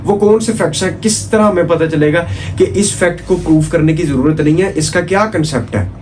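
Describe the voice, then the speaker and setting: A man with a Pakistani accent gives an informal, exam-oriented law lecture, repeating points, asking rhetorical questions and mixing in English legal terms. His voice is on the high side, fairly quick and darkish in tone, with faint music behind.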